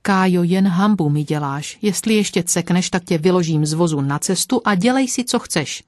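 Woman playing a stern thrifty mother, scolding, prim, low voice, dry audiobook sound. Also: lively intonation, darkish tone, no echo, close to an everyday voice. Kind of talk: audiobook storytelling.

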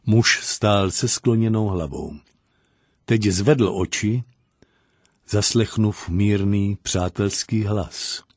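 A man narrating a story, reading in an expressive storybook manner. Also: lowish voice, dry recording, studio quality. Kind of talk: scripted narration.

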